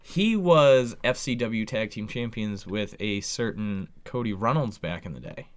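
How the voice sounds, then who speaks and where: A man's voice: fairly low pitch, animated, measured pace. A man in his thirties, co-hosting a casual podcast chat, swearing freely and joking around. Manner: profane, joking, riffing. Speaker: podcast co-host.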